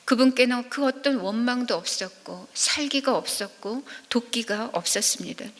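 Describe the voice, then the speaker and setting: Lady evangelist preaching, earnest and steady, kinda high voice, big church echo. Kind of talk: sermon. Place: church sanctuary. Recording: long reverb of a church hall.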